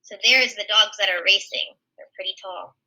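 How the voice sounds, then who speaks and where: In a low-quality recording, a woman reads a children's picture book aloud with animation, adding simple, teacher-like explanations as asides. Her mid-range voice is pushed and bright, at a moderate pace.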